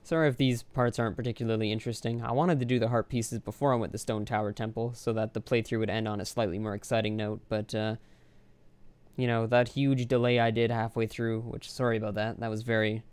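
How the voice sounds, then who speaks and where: A man's voice: on the low side, little pitch movement, fast, darkish tone, smooth, no room sound. A young man giving rambling, offhand, casual commentary over his own gameplay. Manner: rambling, offhand, self-deprecating. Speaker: Let's Play commentator.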